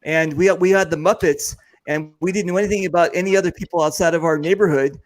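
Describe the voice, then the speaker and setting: A man's voice: on the high side, fairly even intonation, fast talker. An American man hosting a casual chat, joking, swearing freely and talking with lots of energy. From United States. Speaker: host.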